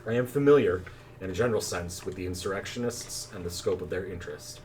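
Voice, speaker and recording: Rich: A stately old gentleman lawyer, formal and commanding, who speaks in measured sentences with a fairly low voice, as a man puts him on. The mic is some way off, and a faint noise floor sits beneath it. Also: recorded from a distance, lightly acted.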